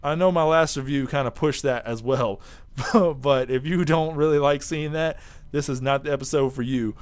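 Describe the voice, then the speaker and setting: A man's voice: medium pitch, moderate pace, no echo. A young man giving a casual, rambling, offhand video review of an anime episode. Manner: rambling, offhand, chatty with fillers.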